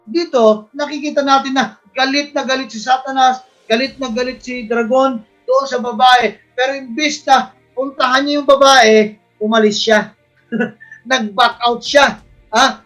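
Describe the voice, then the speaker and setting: A male Filipino preacher giving a sermon, mixing Filipino and English, reading verses slowly and often turning to the congregation with a questioning "ha?". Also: very high-pitched, fairly bright tone, poor audio. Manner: mixes Filipino and English, repeats "ha?" and "mga kapatid" to the congregation; reads verses slowly and stresses words.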